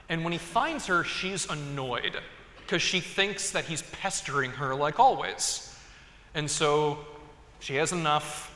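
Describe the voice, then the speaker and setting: A bright, slightly high-voiced man in his thirties preaches a homily in a large church. He tells stories in a relaxed, conversational way with touches of humor. His voice rings through the hall with a long reverb. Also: slight background noise. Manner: conversational storytelling with light humor. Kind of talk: sermon.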